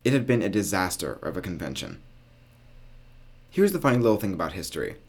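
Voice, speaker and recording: A man's voice: low-pitched, very animated, a little fast, breathy edge. A man hosting a podcast, reading scripted history narration with casual, wry asides. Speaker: podcast host.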